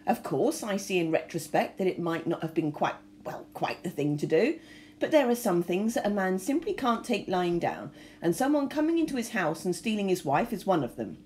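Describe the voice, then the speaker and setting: A pompous, plump aristocrat who stammers and keeps clearing his throat, put on by a woman reading a storybook aloud. His lines leap up and down in pitch in a warm, mellow tone. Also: big pitch swings, moderate pace, slight background noise. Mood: sheepish. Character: flustered plump aristocratic older father.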